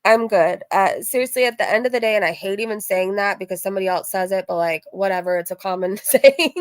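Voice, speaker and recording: A woman with a medium-pitched voice talks fast on a dry recording. She's hosting a livestream, reacting to drama and reading chat in a casual, rambling, informal way, repeating phrases for emphasis.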